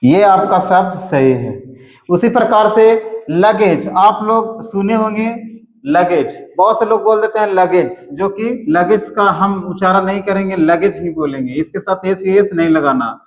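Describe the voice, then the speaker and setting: A man teaching English grammar, explaining slowly and repeating words as he writes out examples. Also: sits high. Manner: slow, repeats words while writing examples. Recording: echoey room, dull lo-fi sound.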